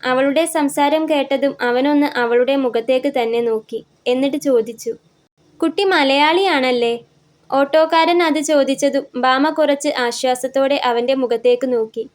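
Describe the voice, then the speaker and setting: A woman telling a story as scripted narration, in an even, descriptive way. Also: high-pitched, normal speed.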